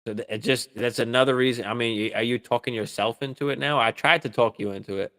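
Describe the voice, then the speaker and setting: Running a fantasy football livestream, this male host answers questions from viewers casually, swears a lot, and keeps stumbling through fillers and false starts. He has a medium-pitched voice and talks quickly.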